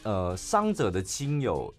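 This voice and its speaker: A low-voiced man with a Taiwanese Mandarin accent retells a news story in a casual podcast chat. His pitch moves about a lot, and filler particles keep coming. Faint music plays behind him. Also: takes it slowly. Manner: chatty, frequent filler particles, animated retelling. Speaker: podcast co-host.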